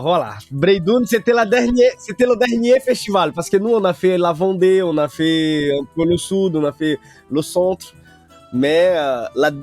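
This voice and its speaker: A man's voice: fairly high pitch, darkish tone. A man from northern Brazil, a native Portuguese speaker, talking as a guest musician in a radio interview, hesitant with many fillers and restarts.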